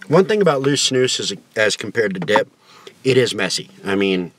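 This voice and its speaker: A man's voice: on the low side, very animated, normal speed, a bit bright, a little hiss or hum. A man giving a casual product review to camera in a folksy, rambling, colloquial way.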